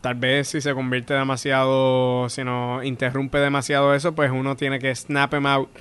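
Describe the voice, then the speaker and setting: A man's voice: medium pitch, monotone, moderate pace, fairly bright tone, clear, resonant tone. A man with a Puerto Rican accent, a stand-up comedian chatting casually as a guest and animatedly acting out the voices in his stories. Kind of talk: casual podcast chat.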